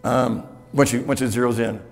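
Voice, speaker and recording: An older man with a gravelly edge speaks at a middle pitch, talking candidly and conversationally to a conference audience and often checking in with the room. His voice rings with the long reverb of a hotel conference hall. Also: fairly even intonation, moderate pace. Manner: candid, conversational, with frequent "okay?" check-ins. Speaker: keynote speaker. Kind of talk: conference keynote talk.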